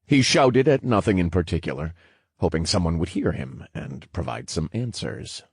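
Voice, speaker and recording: A man narrating an audiobook in a measured, wry storytelling manner. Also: low voice, very animated, slightly rough, no echo, clean studio sound.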